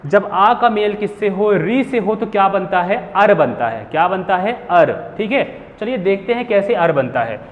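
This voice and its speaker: A man's voice: high voice, animated, measured pace, hardly any pauses. A young man teaching Hindi grammar in a classroom lesson, asking questions and answering them himself. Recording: phone-like hall echo with faint hiss.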